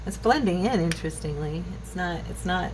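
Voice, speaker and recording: Speaking fairly quickly and expressively in a fairly low voice, a woman in her fifties chats her way through a craft tutorial at home. As host of a craft channel, she rambles and thinks aloud at her craft table, recorded with noticeable noise.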